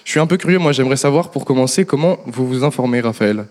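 A man's voice: medium pitch, animated, fast, a little mellow, long reverb tail. A young man hosting a political discussion show, asking earnest questions of his guest. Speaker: show host interviewer.

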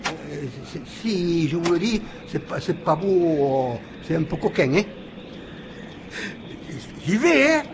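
A man's voice: high-pitched, a little hiss or hum. A man with a southern French accent, speaking casually as a local being interviewed.

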